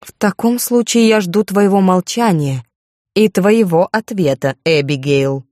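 A woman's voice: sits low, moderate pace, mellow, no echo, clean studio sound. A woman voicing a stern, haughty aristocratic viscountess who speaks in a cold, clipped, commanding way. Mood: severe.

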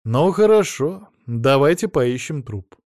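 A man's voice: mid-range voice, big pitch swings, slow, a little mellow, no room sound. Man reading a dry ironic detective. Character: calm ironic male police detective. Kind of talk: audiobook character voice.

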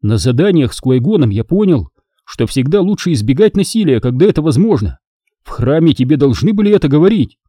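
Man voicing a calm, cautious young Jedi. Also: on the high side, husky, dry recording, clean studio sound, voice pushed up. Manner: calm, measured, gently reasoning. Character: calm, cautious teenage boy Jedi apprentice.

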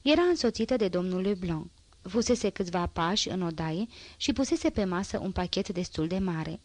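A woman narrating a novel as an audiobook, reading in a steady, even way. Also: fairly low pitch, dry recording.

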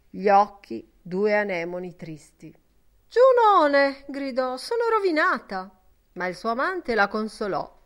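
A woman narrating a literary novel as an audiobook, measured and expressive. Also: mid-range voice.

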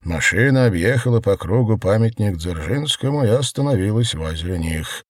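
A man's voice: fairly low pitch, animated, moderate pace, dry recording. Man narrating a novel, dry sound. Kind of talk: audiobook reading of a novel.

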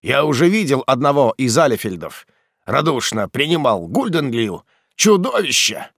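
A man voicing a bitter, vengeful old father in an audiobook, speaking gravely and low. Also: measured pace, no echo, clean studio sound. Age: older. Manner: grave, brooding, bursts into fury.

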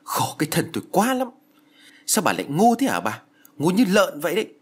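Man doing a shrill, cruel scolding woman. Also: huge pitch swings, racing, husky, heavily acted. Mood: shrieking, furious. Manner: screeching, scolding, insulting. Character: shrill cruel middle-aged woman caretaker, abusive.

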